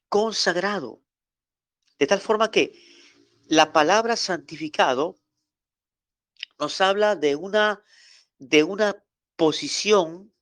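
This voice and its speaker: A man's voice: fairly high pitch, fairly bright tone, no echo. A man, a pastor, teaching a Bible seminary lesson in an online class, repeating key words and dictating notes for students to write down.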